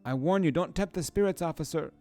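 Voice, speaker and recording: A man voicing a frightened, superstitious woman bookseller in a video game, with an upset, high-pitched voice. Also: fast talker, a little mellow, faint music behind, lightly acted.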